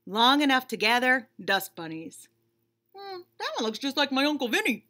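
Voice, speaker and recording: A high-pitched, bright voice with big pitch swings and a forceful tone belongs to a teacher in her thirties reading a picture book aloud. She keeps a moderate pace and an emphatic, instructive delivery while seated in a small indoor room.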